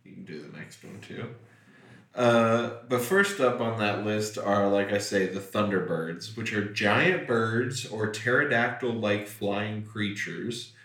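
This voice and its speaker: A man's voice: fairly low pitch, takes it slowly, a bit bright, echoey room, recorded from a distance. A man co-hosting a casual chat, joking and laughing often as he shares notes on local lore. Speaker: podcast co-host.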